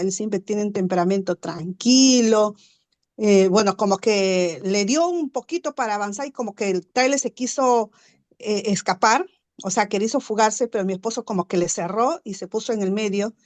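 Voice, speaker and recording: A woman guest telling a story in casual conversation, chatty and animated, leaning on fillers and tag questions and acting out sounds. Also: medium pitch, moderate pace.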